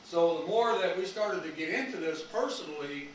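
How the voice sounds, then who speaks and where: A man's voice: on the high side, lively intonation, moderate pace, recorded from a distance. Echoey older Midwestern man projecting like a coach. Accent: American Midwestern. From rural Wisconsin, USA. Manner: informal, folksy, rambling asides. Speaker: lecturer, retired history teacher. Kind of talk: informal public talk to a live audience. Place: community meeting room, indoors. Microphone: no microphone, picked up from across the room. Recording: echoey room from afar, faint noise.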